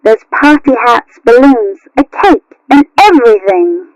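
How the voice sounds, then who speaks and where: A woman voices a teenage cartoon kitten, high-pitched and childlike with some rasp. She is sweet and wistful, and the recording is very dry. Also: very animated, a little slow, darkish tone, no echo, dull audio. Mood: pleading, wistful. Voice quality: raspy, childlike. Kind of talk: cartoon character acting.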